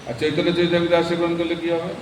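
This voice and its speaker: A man's voice: on the high side, completely flat delivery, rapid-fire, slight background noise. A man, a monk, giving a scripture sermon to a gathering and teaching by asking questions and answering them. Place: temple hall. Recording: echoey hall, speaker far from the mic.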